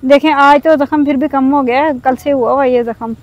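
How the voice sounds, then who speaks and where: High-voiced woman vlogging outdoors. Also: fairly even intonation, brisk. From Pakistan. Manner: aggrieved and earnest. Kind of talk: casual vlog talk. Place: outdoors in a village.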